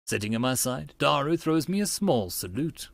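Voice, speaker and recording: A man with a medium-pitched, expressive voice and some vocal fry narrates at normal speed with no echo. Like an audiobook narrator, he gives a theatrical first-person reading of a visual novel, acting out dialogue and asides.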